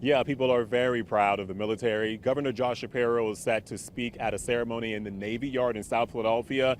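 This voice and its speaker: Male field reporter, live outdoor news hit, mid-pitched, light street hum behind. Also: steady tone, quick pace. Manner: conversational with filler "uh"s. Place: outdoors by a river.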